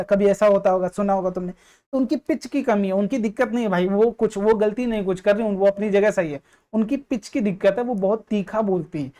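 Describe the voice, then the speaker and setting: A man teaching a physics lesson, patiently walking students through each point and often checking that they follow. His voice has a soft, mellow warmth. He mixes English terms into his explanations. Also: sits high. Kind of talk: online exam-prep lesson.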